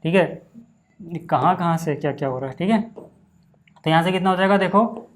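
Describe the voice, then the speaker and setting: A man teaching a maths lesson in a relaxed, chatty way, often saying "okay" and calling his students "brother". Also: a little high, brisk. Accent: Hindi. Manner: casual, repeats "ठीक है" and "भाई" often. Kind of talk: screen-recorded maths lesson.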